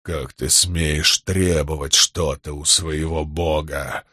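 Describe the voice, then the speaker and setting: A man voicing an ancient, cold male storm god in an audiobook, with a grave, rumbling delivery. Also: steady tone, slow pace, bright, forceful tone, husky, no echo, studio quality, full character voice.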